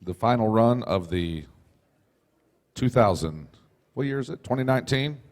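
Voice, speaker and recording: A man announcing the next contestant at an event in a relaxed, jokey way. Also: mid-range voice, normal speed.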